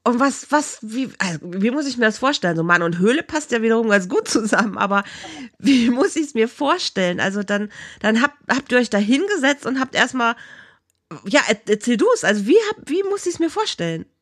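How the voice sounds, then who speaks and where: A woman's voice: on the high side, big pitch swings, fairly quick, fairly bright tone, dry recording, studio quality. A woman interviewing a guest in a casual conversation, reacting with laughs and short interjections.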